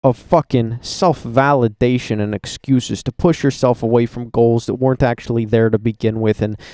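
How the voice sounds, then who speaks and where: A man delivers a loose, sarcastic voice-over, swearing freely and wandering between thoughts. His voice is dark and mellow, with a smooth, clean tone. The sound is close and dry. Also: mid-range voice, steady tone, moderate pace, no room sound. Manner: rambling, profane, sarcastic. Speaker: commentary YouTuber. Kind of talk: casual reaction voice-over. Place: voice-over recorded at a computer.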